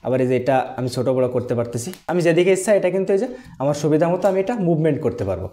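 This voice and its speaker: A tech reviewer sits at an indoor desk doing a product review and sound test of a desk USB dynamic microphone on an arm stand. He talks quickly and animatedly in a somewhat high voice with a dark tone, explaining things and speaking straight to viewers.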